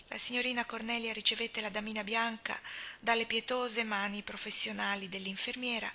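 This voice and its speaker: A woman reading a novel aloud as an audiobook, in a soft, hushed narration. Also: mid-range voice, vocal fry. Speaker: audiobook reader. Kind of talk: scripted narration.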